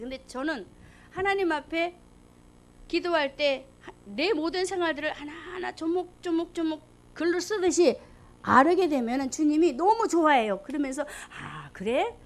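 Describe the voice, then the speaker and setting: A woman lay preacher delivering a sermon in an animated, exclamatory way, swinging between loud calls and hushed asides. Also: high voice, moderate pace.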